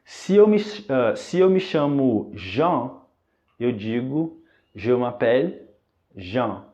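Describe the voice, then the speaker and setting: A man's voice: mid-range voice, very animated, slow, a little mellow. A man with a Brazilian Portuguese accent giving an online French lesson, patiently repeating each word and checking in with "ok?". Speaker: French teacher. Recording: dull, lo-fi recording.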